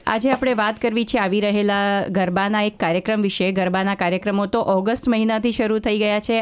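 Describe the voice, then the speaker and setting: A woman's voice: mid-range voice, clean tone. A woman hosting a studio radio interview in a friendly way, mixing some English into her questions. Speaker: radio host.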